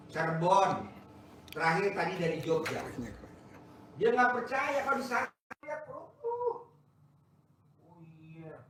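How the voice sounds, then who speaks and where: A high-voiced man talks in a boisterous, joking way. He sounds far from the mic in a very echoey space. His manner is teasing and loud. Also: a little hiss or hum. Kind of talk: casual chat with visitors. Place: large echoey space, maybe a sheep barn.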